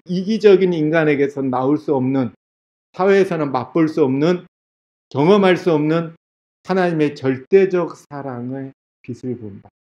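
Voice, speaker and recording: A man's voice: fairly high pitch, warm tone. A male pastor preaching a sermon in a church. He tells stories, asks the congregation questions and acts out scenes. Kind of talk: sermon at a revival meeting. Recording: dull lo-fi sound.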